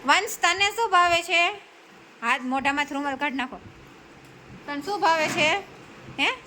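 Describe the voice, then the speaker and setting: Encouraging preschool teacher woman, very high voice. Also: normal speed, noisy background. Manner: encouraging, calls on children by name and praises each answer. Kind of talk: classroom teaching.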